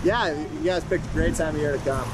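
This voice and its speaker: Male rafting guide, casual and chatty, outdoors on a river with loud water noise. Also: a little high, a little fast. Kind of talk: casual guiding chat.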